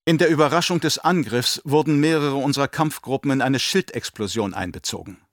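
A man's voice: mid-range voice, fairly quick, dry recording, clean studio sound, pitched above the performer's own voice, lightly acted. A man voicing a nervous, drugged guard captain who stammers through servile reports in an audiobook reading.

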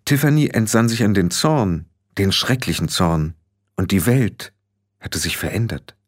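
A man narrating a story in calm, scripted audiobook reading. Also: on the low side, measured pace.

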